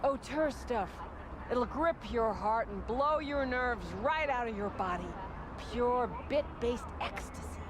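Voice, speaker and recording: A stern club doorkeeper speaks in a fairly high voice. She is cool, clipped and sure of herself, a video game character with city noise around her. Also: animated, takes it slowly. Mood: cool, warning. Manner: clipped, confident.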